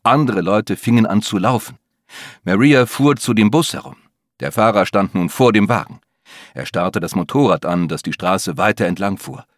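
A man's voice: on the low side, moderate pace, no echo, studio quality. A man reading a tense thriller as an audiobook narrator, with dramatic storytelling. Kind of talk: scripted narration.

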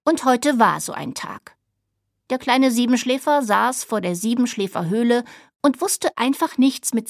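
A woman narrating a children's story with a gentle, deliberate reading manner. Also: fairly high pitch, no room sound, studio quality.

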